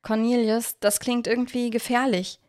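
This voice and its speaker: A young girl, anxious and wary of strangers, as a woman reading a storybook puts her on. She speaks a little higher and more urgently than the narrator, though the voice stays close to the reader's own. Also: level tone, normal speed, a little mellow, lightly acted.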